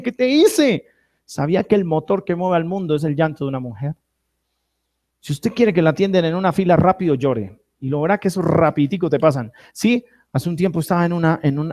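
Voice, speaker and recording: A high-voiced man preaches a sermon in a church, calling on the congregation and pulling answers from them. He moves from loud, stressed words to quiet, slow phrases. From Colombia. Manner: preaching with call-and-response to the congregation; animated, swinging between loud and soft. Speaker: pastor.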